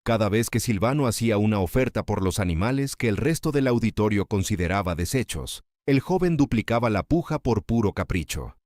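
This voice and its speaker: Deep-voiced man narrating a dramatic story. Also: lively intonation, a little fast, hardly any pauses, darkish tone, no echo, clean studio sound. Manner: solemn, literary storytelling.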